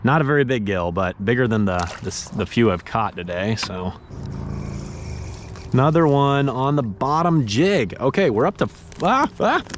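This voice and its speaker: A man in his thirties gives casual fishing commentary from a kayak out on a pond. He sounds chatty and easily excited, now and then tossing in dude or bro. His voice sits in a middling range, caught by a camera on the boat with a faint hiss of outdoor noise behind it. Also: medium pitch, normal speed. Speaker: fishing vlogger. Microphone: action camera mounted on the kayak.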